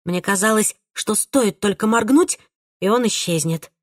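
A woman giving an emotional, expressive first-person audiobook reading. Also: medium pitch, measured pace, dry recording, studio quality. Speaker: audiobook narrator.

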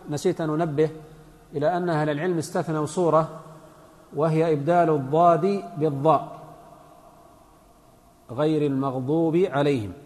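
Man lecturing in an echoing hall. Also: fairly high pitch. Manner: patient, explanatory, repeats and recites examples. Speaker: sheikh teaching Islamic law. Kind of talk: religious lecture. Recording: long hall reverb.

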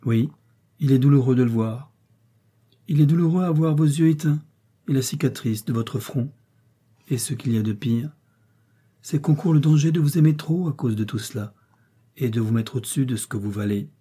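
A man voicing a devoted, spirited young woman who talks gently and earnestly. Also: mid-range voice, moderate pace, long pauses, husky, lightly acted. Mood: tender.

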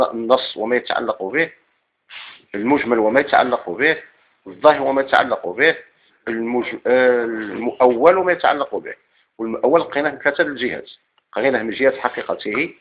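A man with a Moroccan Arabic accent recaps a lesson at a quick clip. He lists points in short phrases, restarting words now and then. The recording is muffled and lo-fi. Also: medium pitch, animated. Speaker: teacher. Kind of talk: recap of an Islamic legal theory lesson.

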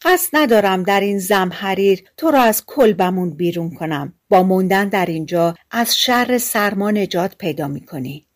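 A woman's voice: medium pitch, hardly any pauses, natural voice. A woman voicing a kind mother in a fairy tale audiobook, calling out in a slightly raised voice. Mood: caring. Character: kind caring mother of two girls.

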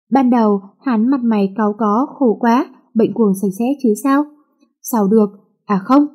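Brief: woman audiobook narrator, husky and somewhat high, chatty first-person delivery. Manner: lively, chatty storytelling with asides.

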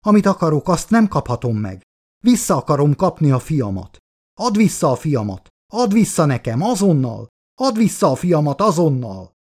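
A man's voice: mid-range voice, very animated, darkish tone. A man reading an audiobook, voicing a grieving, furious middle-aged mother who lashes out in a raised, accusing voice. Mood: shrill demanding.

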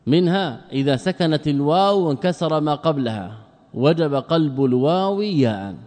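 A man gives a classical grammar lesson, his voice sitting a little high for a man. He keeps posing questions and answering them himself, repeating and drawing out each example word. The sound rings with a long hall reverb. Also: expressive, normal speed, darkish tone. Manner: repeats words and drags out example forms. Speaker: sheikh teaching Arabic grammar.

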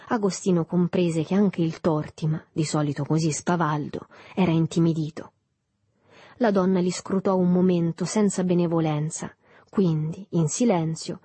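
A woman reading a literary novel aloud in a calm, measured way. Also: lowish voice, breathy edge, no echo. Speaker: audiobook reader. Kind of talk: literary audiobook narration.

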